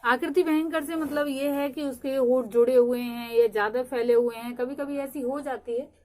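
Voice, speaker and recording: Higher-voiced young woman teacher lecturing with steady explanations and frequent fillers. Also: normal speed. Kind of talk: recorded lecture.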